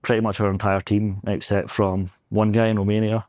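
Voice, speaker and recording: A pentest engineer guest from Scotland, young and Glaswegian-accented, chats casually with plenty of laughter, self-mockery and rambling while interviewed on a convention floor. His voice sits on the low side with a darkish tone, flat and brisk, in clean studio sound with no echo.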